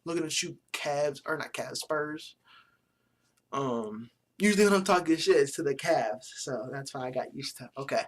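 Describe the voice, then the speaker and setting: In his vlog, a man checks out the new basketball jerseys and doesn't hold back, cursing plenty and joking in relaxed slang. His voice is fairly high, and he speaks at a moderate pace.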